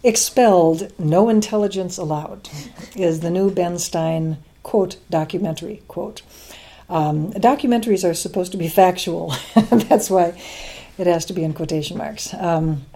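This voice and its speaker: A woman's voice: fairly low pitch, measured pace, dark tone. A middle-aged woman talking casually as an interview guest, chatty, often laughing, with many restarts and fillers. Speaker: guest, science education advocate. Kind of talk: interview conversation.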